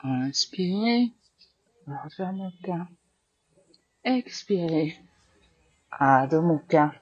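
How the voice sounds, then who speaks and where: French woman yoga teacher, calm slow cues, dry close sound, kinda low voice. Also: breathy edge, dry recording, lo-fi sound. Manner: calm, slow spoken cues with breath counts. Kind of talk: guided yoga class instruction.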